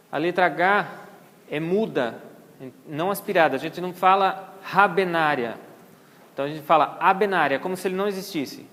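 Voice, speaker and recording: A man's voice: sits high, fairly bright tone, in a large hall. A man with a Brazilian Portuguese accent giving a lecture at an orchid society meeting, explaining patiently and checking in with his audience. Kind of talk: lecture on botanical name pronunciation. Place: botanical garden meeting room.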